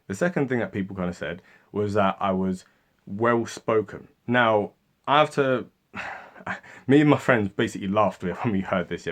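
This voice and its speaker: A man hosting a history channel, talking casually to the camera and mimicking commenters and friends in exaggerated voices. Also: fairly low pitch.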